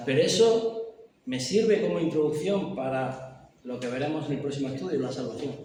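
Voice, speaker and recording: Guy giving a bible study, kinda high voice, sounds far off in a big echoey church hall. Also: a little hiss or hum. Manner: animated, acts out voices of the lost.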